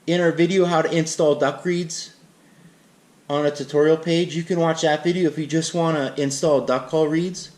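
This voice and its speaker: A man giving a casual, plain-spoken, unscripted hands-on tutorial as an instructor. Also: on the high side. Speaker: instructor in a how-to demonstration.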